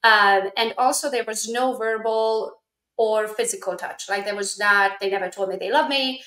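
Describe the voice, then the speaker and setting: A woman's voice: mid-range voice, sharp tone, roomy sound, rough recording. A woman from Romania, hosting an interview and speaking bluntly. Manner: blunt and quick-talking. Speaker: interview host. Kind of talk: casual interview.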